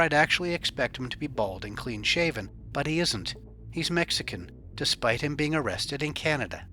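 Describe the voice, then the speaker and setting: A man hosts a scripted true-crime news report, narrating with a medium-pitched, sharp voice. His storytelling is wry and colloquial, punctuated by dramatic pauses.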